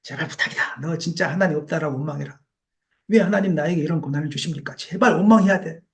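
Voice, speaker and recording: A man's voice: on the high side, fast talker, lightly acted. A male pastor voicing Satan, who mockingly and insistently urges a believer to curse God. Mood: taunting. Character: taunting male Satan urging despair.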